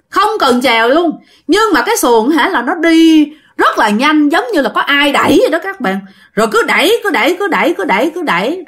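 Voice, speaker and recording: A woman tells a ghost story in a casual, chatty way, turning often to address her listeners directly. Her voice sits high and moves through a very lively range of pitch.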